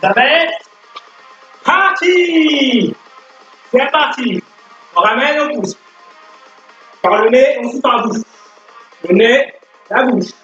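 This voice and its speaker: A man's voice: extremely high pitch, expressive, takes it slowly, long pauses, fairly bright tone. A man coaching a workout, energetically calling out commands and counts like a gym coach. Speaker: fitness coach. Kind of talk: workout instruction to camera. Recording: roomy echo, dull sound, music behind.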